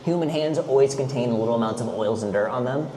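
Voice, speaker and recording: Male cave guide, explanatory tour delivery, mid-pitched, heavily echoing cave acoustics with noise behind. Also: fast talker, dark tone. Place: inside a cave, on a tour boat. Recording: echoey cave, long reverb, background noise.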